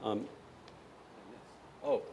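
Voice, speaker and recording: A man's voice: very slow, mellow. A man reciting scripted verse in an amateur play, hesitant and often repeating phrases. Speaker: reader playing Moses in a congregational skit.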